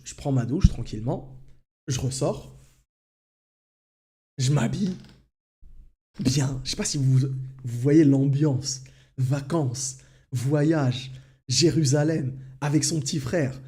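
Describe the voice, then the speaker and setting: A man hosting a live stream, telling a personal anecdote in an animated way and addressing his audience directly. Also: a little high. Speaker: religious talk host.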